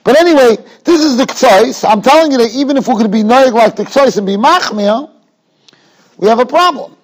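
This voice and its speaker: A man giving an informal, animated religious lecture, in an emphatic, questioning way full of rhetorical tags. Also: fairly high pitch, gravelly, husky. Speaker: Talmud teacher.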